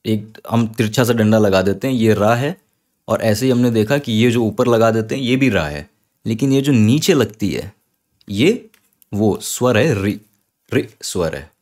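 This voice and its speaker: A man teaching an online Sanskrit lesson, patiently spelling words out slowly, sound by sound. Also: fairly low pitch, a little mellow.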